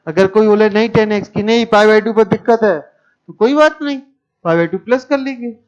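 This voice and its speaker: A man's voice: high voice, normal speed, dull audio. A man teaching math to a class, explaining step by step and asking the students questions. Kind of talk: classroom lecture.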